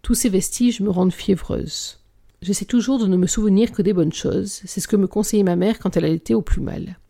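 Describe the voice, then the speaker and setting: Novel reader: measured delivery, occasional whispers, mellow gravelly tone. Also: medium pitch. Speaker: audiobook reader. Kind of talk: reading a novel aloud.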